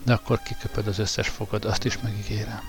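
A man's voice: fairly low pitch, level tone, over music, lightly acted. A man voicing a brutal, mocking male guard who taunts and threatens coarsely in an audiobook reading.

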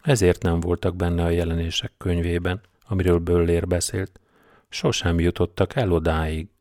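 A man narrating an audiobook in a measured, deadpan storytelling manner. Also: sits low, no room sound, clean studio sound. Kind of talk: scripted narration.

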